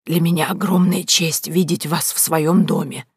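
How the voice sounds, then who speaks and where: A woman reader voicing a frail, bedridden old woman who speaks weakly, slowly and half in a whisper. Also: low-pitched, steady tone, a little mellow, husky, no echo, studio quality, heavily acted. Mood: doubtful, weary. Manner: weak, slow, half-whispered. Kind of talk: audiobook character voice.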